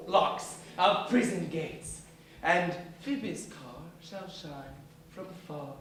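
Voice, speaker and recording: A man's voice: high voice, a bit bright, exaggerated voice. A man playing an eager show-off amateur actor, grandiose and hammy, in a Shakespeare stage comedy. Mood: bombastic. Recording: echoey hall, distant mic, faint noise.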